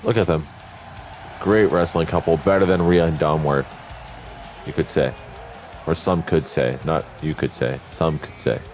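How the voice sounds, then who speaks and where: Speaking in an extremely low, darkish voice with a steady tone, this man narrates a wrestling video game for YouTube at a measured pace with long pauses. He sounds congested and sleepy, freshly awake, and his commentary is casual and chatty, wandering into asides and correcting himself, over faint game music.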